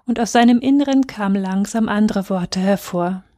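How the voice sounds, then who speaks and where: A woman reading a children's book aloud in calm, measured storytelling narration. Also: mid-range voice. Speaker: audiobook reader. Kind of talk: scripted narration.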